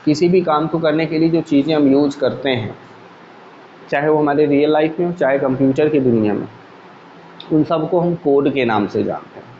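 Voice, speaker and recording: Guy teaching a computer class, kinda high voice, echoey lo-fi room. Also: normal speed. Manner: explains step by step with everyday examples, asks the class questions. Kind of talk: classroom lecture. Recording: echoey room, dull lo-fi sound, faint hum.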